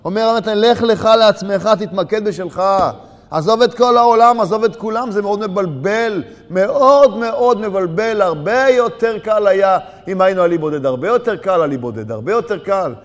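A male preacher delivers a religious sermon, pressing rhetorical questions and repeating words for emphasis. His voice is high for a man. The recording carries a long hall reverb. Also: animated.

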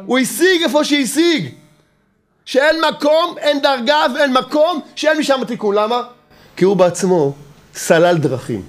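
High-voiced man teaching Torah. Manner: emphatic and repetitive, asks rhetorical questions; lively, mixes in humor.

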